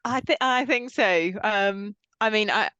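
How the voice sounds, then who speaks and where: A woman with a mostly British accent and a faint Australian trace talks as an interview guest. Her voice sits mid-range, lively and self-deprecating, and the recording is very dry and close. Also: medium pitch, measured pace, clean tone, no echo, muffled recording. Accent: mostly British with a slight Australian trace. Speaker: guest, energy association chief executive. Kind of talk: casual interview chat.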